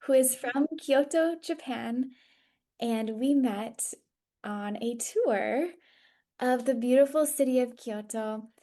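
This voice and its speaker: Over a video call, a podcast host from Hawaii asks her guest questions with enthusiasm and plenty of affirmation. She has a fairly high, warm voice and a slow pace.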